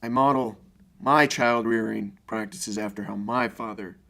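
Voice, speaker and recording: A man's voice: on the low side, measured pace, vocal fry, sharp tone, exaggerated voice. A man playing a stern, pompous scout father who instructs his young son solemnly in an improvised comedy sketch.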